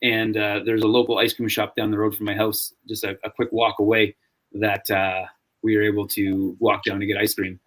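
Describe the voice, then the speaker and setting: A man's voice: fairly low pitch, level tone, normal speed, fairly bright tone. A man hosting a casual podcast chat, telling stories with frequent restarts and repeated words. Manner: rambling storyteller, frequent restarts. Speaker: podcast host.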